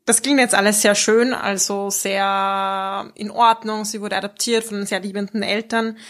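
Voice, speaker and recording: A woman hosting a book discussion, asking measured questions in an even tone. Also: mid-range voice. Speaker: host.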